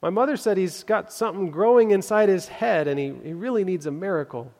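A man's voice: sits high, brisk, dark tone, pitched above the performer's own voice. A man voicing a tearful, earnest little girl during a sermon story, raising his voice into a pleading child's tone. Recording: long hall reverb.

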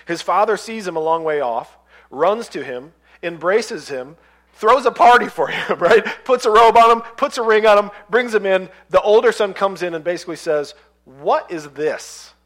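Animated male preacher telling Bible stories. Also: high voice, moderate pace. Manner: conversational, acts out voices in stories. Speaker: pastor. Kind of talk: sermon.

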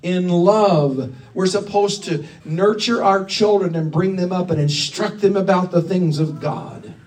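A man's voice: high-pitched, unhurried, darkish tone, far from the mic, poor audio. A middle-aged man preaching a sermon in a conversational, emphatic way, often restarting his phrases.

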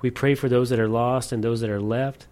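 Guy preaching a sermon, earnest, medium pitch, gets loud then drops to near whispers. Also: steady tone, brisk. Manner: earnest, shifts between emphatic and hushed. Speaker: pastor.

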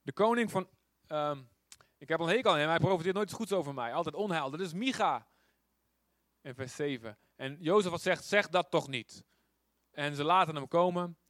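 A man with a fairly high voice preaches in a relaxed, conversational way. He keeps asking his listeners rhetorical questions and tells the story with animation. The sound is dry and close. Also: normal speed, no echo. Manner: informal, asks rhetorical questions; animated storytelling with acted quotes. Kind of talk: conversational sermon.

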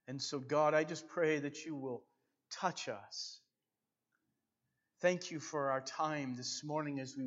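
A man's voice: on the high side, lo-fi sound. A male pastor at a pulpit microphone, leading a fervent prayer with repeated praise before his sermon.

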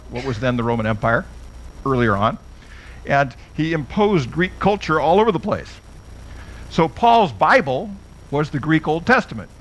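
A middle-aged man leads a Bible class conversationally, frequently asking his listeners questions. His voice runs somewhat high and a bit bright, and the recording quality is rough.

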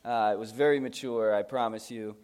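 An American man preaches with a hoarse, strained voice that sounds worn from shouting. His sermon is conversational and informal, full of joking, self-deprecating asides. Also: fairly low pitch, fairly even intonation, brisk. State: hoarse from screaming the night before.

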